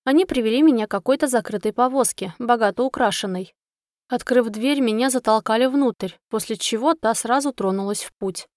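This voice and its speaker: A woman narrating a first-person fairy-tale story in a lively, expressive way. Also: a little high, a little fast, dry recording, studio quality. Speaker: audiobook narrator.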